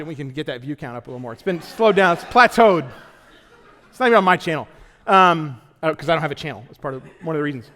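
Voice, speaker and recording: A man's voice: sits high, long reverb tail. Joking, conversational male preacher. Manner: conversational and joking, with sudden loud bursts. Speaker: pastor. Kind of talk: sermon. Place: church auditorium.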